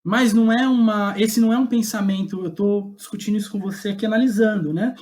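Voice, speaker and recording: A guest playwright with a Brazilian Portuguese accent reflects in a podcast interview, halting and thoughtful as he searches for words. His voice is high-pitched and darkish in tone, with fairly even intonation.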